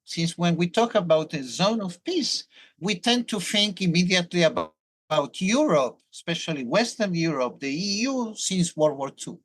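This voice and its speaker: As a guest in an academic interview, a professor in his sixties, born in Argentina, lays out his research in detail, speaking English with a Hebrew accent. His high voice is animated with a breathy edge at a moderate pace; his manner is thoughtful and explanatory, with restarts.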